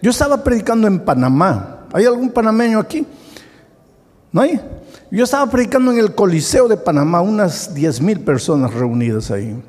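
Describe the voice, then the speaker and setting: A man preaching a sermon as a pastor, telling stories and swinging between loud, high exclamations and hushed, slow passages. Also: big pitch swings, long reverb tail.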